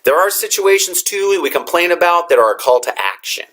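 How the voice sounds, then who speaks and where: A teacher gives a motivational talk to fellow educators, telling stories earnestly and bringing in lively quoted dialogue. He speaks fairly quickly in a high-pitched voice.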